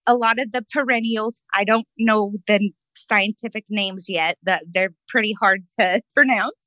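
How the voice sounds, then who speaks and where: A woman's voice: medium pitch, moderate pace, a bit bright, no room sound, rough recording. A woman guest chatting casually, cheerful and positive, laughing often as she talks. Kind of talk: casual interview chat.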